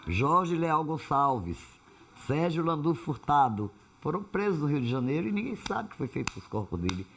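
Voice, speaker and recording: A man's voice: a little high, sing-song, normal speed, a bit bright. A man in an interview, explaining as he lists names one by one.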